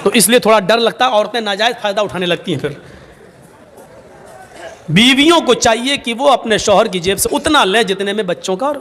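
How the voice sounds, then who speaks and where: A male preacher giving a sermon, telling stories in an animated, humorous way. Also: high-pitched, some chatter behind. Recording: long hall reverb.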